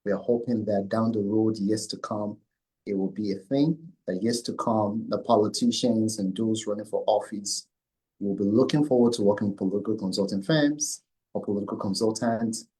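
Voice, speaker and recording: A man with a fairly low voice talks through interview questions as the firm's founder. He stops and starts often, leaning on fillers and repeating himself as he gathers his thoughts. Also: fairly even intonation, normal speed, dark tone, slightly rough, low-quality recording. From Nigeria. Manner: hesitant, many fillers and restarts. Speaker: company founder and CEO, guest. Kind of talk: conversational interview answers.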